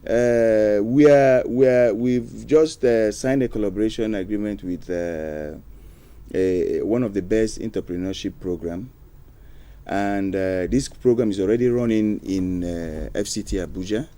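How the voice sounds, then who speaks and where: A man's voice: on the low side, measured pace, warm tone. A man answering interview questions as a studio guest, hesitant with many fillers. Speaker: studio guest, youth program official.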